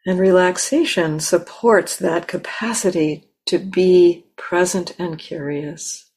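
Guiding a meditation as a teacher, this woman speaks gently and slowly, leaving long pauses; her voice is fairly low, steady, and husky.

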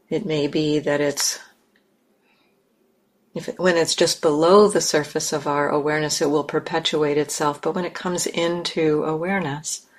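Guiding listeners through meditation, a woman teacher speaks in a low-pitched voice, using brief, measured phrases with pauses in between.

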